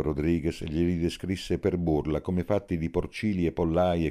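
A man narrating a literary audiobook in a slow, measured way. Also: extremely low pitch, warm tone.

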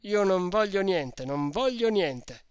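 A man's voice: a little high, measured pace, pushed and bright, no room sound, clean studio sound. A man voicing a pompous, evasive middle-aged lawyer who lectures and blusters in a storybook reading. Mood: blustering.

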